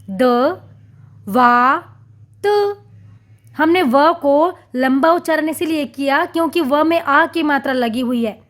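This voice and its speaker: Slow, high-voiced woman teaching children. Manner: slow, clear, sing-song teaching to children. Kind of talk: children's Hindi lesson, reciting and sounding out syllables.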